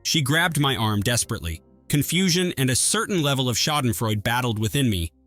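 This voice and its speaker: A man telling a first-person story in an even, measured scripted narration. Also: mid-range voice, faint music behind.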